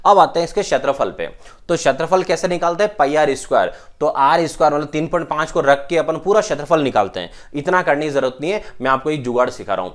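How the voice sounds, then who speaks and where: A male maths teacher with a voice pitched a little above most men. He teaches emphatically, firing questions at the class and answering each one himself. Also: fast. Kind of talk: whiteboard maths lesson.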